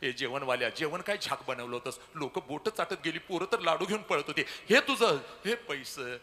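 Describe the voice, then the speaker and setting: A loud, high-pitched father, as a lecturer acts him out, barking orders at his family and hiding his grief behind them. His voice is raised well above a speaker's normal register and is tense and bright. He calls out in a strained, insistent way. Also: animated, normal speed, in a large hall. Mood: hearty.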